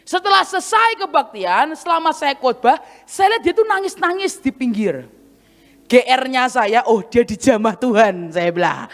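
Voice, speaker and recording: A woman preacher telling a story in a sermon, animated and full of exclamations, in a church hall. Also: high-pitched, moderate pace. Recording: reverberant hall.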